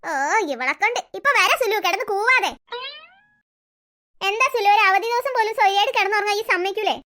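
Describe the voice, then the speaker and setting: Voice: very high-pitched, fairly quick, pushed and bright, voice pushed down. A voice actor playing a sleepy, grumpy grown man who grumbles and talks with sarcasm. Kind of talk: cartoon voice acting.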